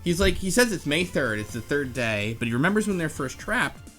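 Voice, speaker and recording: Hosting a casual podcast about a game's story, a man explains things in a hesitant, rambling way while music plays under his voice. He sounds on the high side and very animated, talking a little fast with a fairly bright tone.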